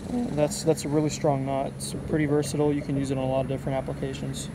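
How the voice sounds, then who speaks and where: A young man in his twenties talks into a phone camera held at arm's length while fishing beside a creek. His talk is relaxed and rambling, full of fillers. Traffic and road noise hum clearly behind him. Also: mid-range voice, very fast. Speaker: fishing vlogger. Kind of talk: casual outdoor vlog. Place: outdoors by a creek under a highway overpass. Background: traffic and outdoor ambience.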